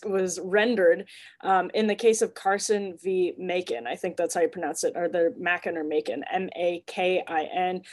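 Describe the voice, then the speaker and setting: A woman with a somewhat low voice co-hosts a podcast panel. She talks in a casual, thinking-aloud way and often restarts her phrases mid-sentence. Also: a little mellow. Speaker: podcast co-host.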